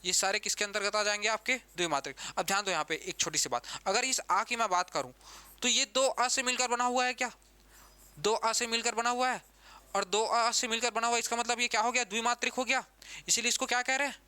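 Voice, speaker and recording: A man's voice: extremely high pitch, quick pace, pushed and bright, smooth. A man teaching an exam-prep grammar lesson, who repeats key terms and keeps asking the class questions.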